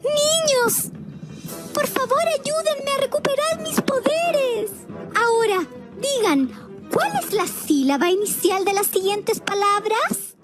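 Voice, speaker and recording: A woman voicing Florencia, a cheerful little cartoon girl with a very high, sing-song voice, slowly sounding out syllables. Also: animated. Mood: pleading. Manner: stretches each word slowly, jumps high on syllables. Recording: dull muffled sound with loud children's music.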